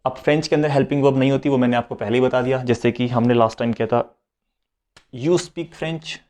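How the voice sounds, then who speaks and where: A man's voice: mid-range voice, flat delivery, very fast, a little mellow. A man teaching a beginners' language lesson, switching between Hindi and English and repeating each point. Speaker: French teacher. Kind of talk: slow explanatory lesson.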